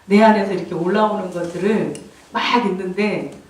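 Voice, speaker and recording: A woman preacher giving an emotional sermon testimony, swinging between loud outbursts and hushed, confiding passages. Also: medium pitch, steady tone, fairly quick. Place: church sanctuary. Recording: very echoey hall, voice from a distance.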